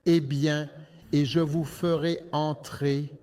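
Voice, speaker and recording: A man's voice: on the high side, level tone, takes it slowly, dark tone, clean tone. A male pastor preaching a sermon, emphatic and speaking directly to the congregation.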